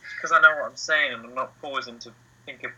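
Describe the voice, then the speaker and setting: A man joining a casual podcast over a video call, answering in a low-key, hesitant way. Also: steady tone, fast, bright, forceful tone, rough recording. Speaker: podcast guest. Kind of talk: casual chat.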